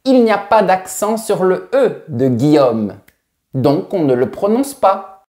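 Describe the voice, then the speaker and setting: A man's voice: high voice, big pitch swings, slow, a little mellow, voice pushed up, heavily acted. A man voicing a pompous elderly male creator of the French language, talking in a grand, formal, lecturing way. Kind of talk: comic teaching sketch.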